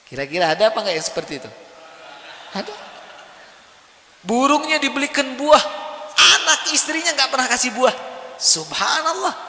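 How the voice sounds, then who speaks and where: A man preaching at a religious study gathering, animated and often asking the audience questions. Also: high-pitched. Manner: animated, asks the crowd questions. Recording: echoey hall with faint noise.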